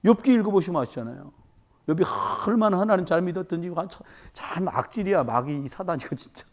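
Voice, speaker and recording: Animated woman pastor preaching. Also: lowish voice, brisk. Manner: animated preaching with rhetorical questions to the congregation. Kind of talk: sermon. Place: church service.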